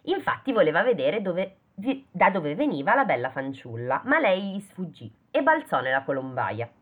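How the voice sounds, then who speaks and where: A woman's voice: lowish voice, very animated, normal speed. A woman reading a fairy tale aloud in casual chat, stopping often to joke about and question the text. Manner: reads then breaks off to joke and question the text. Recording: phone-like lo-fi audio.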